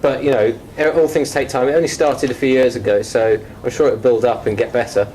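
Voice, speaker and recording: A man with a British accent, a guest on a mock chat show, talking in a hesitant, wry way with many pauses. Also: mid-range voice, steady tone, darkish tone, a little hiss or hum, poor audio. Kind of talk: casual chat. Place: office.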